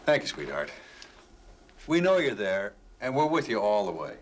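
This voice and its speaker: An actor playing a smooth, condescending male union official who brushes off the workers. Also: on the low side, sing-song, normal speed. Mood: glib. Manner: glib, condescending reassurance.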